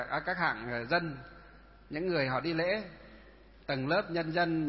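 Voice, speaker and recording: Monk guy giving a sermon, fairly high voice, lots of repeating himself, dull muffled recording. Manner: repetitive, asks and answers own questions. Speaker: Buddhist monk answering questions. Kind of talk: sermon with rhetorical questions. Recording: dull lo-fi sound with long reverb.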